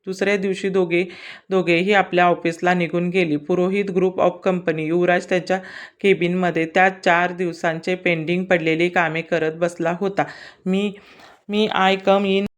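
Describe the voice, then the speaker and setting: A woman reading a serial romance story aloud in an even, steady narration. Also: fairly low pitch, normal speed.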